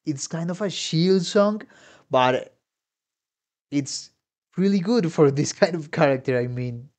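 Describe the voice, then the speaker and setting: With game music running behind him, a man in a home room full of instruments offers casual, exclamatory reactions to game trailers as a musician, using plenty of slang. His voice is a little high and slightly mellow, with lively intonation and a slow pace.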